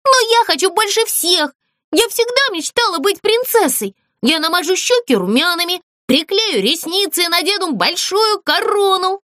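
A woman voicing a bratty, spoiled young girl doll in a storybook, shrill and bossy. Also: sing-song, a little slow, bright, forceful tone, dry recording, clean studio sound, exaggerated voice.

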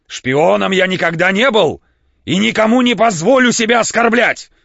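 A man's voice: sits high, moderate pace, creaky, a bit bright, dry recording, pitched above the performer's own voice, full character voice. A man voicing an older, pompous doctor whose voice trembles with feeling. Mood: indignant shouting. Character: older male doctor, pompous, hot-tempered, kindly. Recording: dull, dry lo-fi recording.

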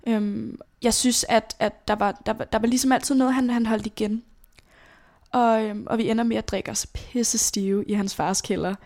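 A young woman telling a personal story as an interview guest, in a casual, halting way with many fillers and casual swearing. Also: on the high side, fairly even intonation, darkish tone. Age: young adult.

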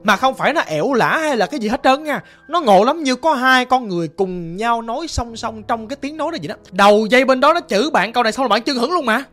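A man's voice: very high-pitched, fast, few pauses, soft background music. Chatty Southern Vietnamese storyteller man. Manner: chatty, animated, addresses listeners. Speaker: ghost story narrator.

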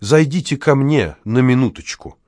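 A man's voice: medium pitch, expressive, normal speed, a little mellow, no room sound, studio quality, voice pushed up, close to an everyday voice. Male narrator as a nervous, pleading older fortune-teller woman. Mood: anxious.

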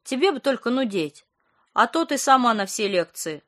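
A woman's voice: fairly high pitch, sing-song, normal speed, a bit bright, pitched above the performer's own voice. A woman reading an audiobook, voicing a bratty younger sister who talks in a breezy, sing-song, dismissive way. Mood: flippant.

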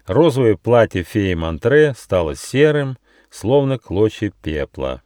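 A man reading his own fairy tale as an audiobook, with expressive storytelling. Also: on the low side, a little slow, no room sound. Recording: dry studio audiobook.

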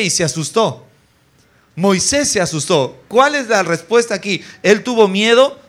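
High-voiced animated male preacher. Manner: animated, acts out scenes and rhetorical questions. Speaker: pastor. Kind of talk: sermon. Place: church service.

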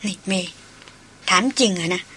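A woman reading the part of a composed female doctor in an audiobook, speaking softly and soothingly. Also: moderate pace, natural voice. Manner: soft and soothing.

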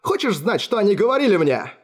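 A man's voice: high-pitched, big pitch swings, fast, voice pushed up. A man voicing an unhinged, mocking young man in an audiobook, his lines sneering and maniacal. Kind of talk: audiobook character voice.

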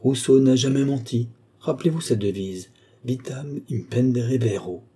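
A man reading the part of a grave, melancholy older sage who talks in a measured, wistful way. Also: medium pitch, warm tone, slightly rough, pitched above the performer's own voice, natural voice.

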